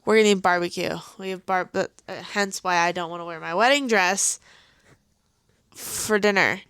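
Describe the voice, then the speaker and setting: Woman, American accent, clear smooth voice, soft R's, casual halting podcast talk, dry close sound. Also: fairly low pitch, dry recording. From Colorado, United States. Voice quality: soft R's, not fully pronounced. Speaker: podcast host, bride-to-be. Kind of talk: casual chat.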